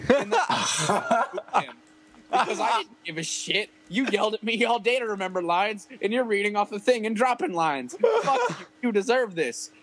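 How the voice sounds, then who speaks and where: A man's voice: high voice, moderate pace, a bit bright, poor audio. A man casually telling a rambling, profane story about playing a show with his rap group, full of fillers.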